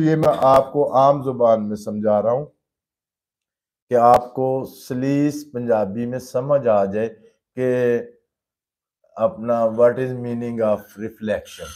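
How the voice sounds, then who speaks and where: Male painting teacher, warm low tone, patient and fatherly, breaks each step down in plain terms. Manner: addresses students fatherly as "beta". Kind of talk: live painting demonstration lesson.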